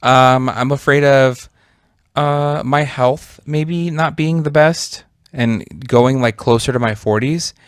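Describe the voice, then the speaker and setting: A man in his thirties chats as a podcast co-host. His voice sits at an ordinary middle pitch and the sound is dry and close. He rambles thoughtfully and leans on fillers as he talks. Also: fairly even intonation, slow pace, clear, resonant tone, no echo. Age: 30s. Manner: reflective, rambling with many fillers. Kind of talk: casual chat.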